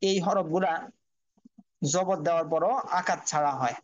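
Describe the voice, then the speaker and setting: A man's voice: on the high side, steady tone, moderate pace, muffled recording. A man teaching Quran reading online, patiently spelling out Arabic letters and drilling each sound.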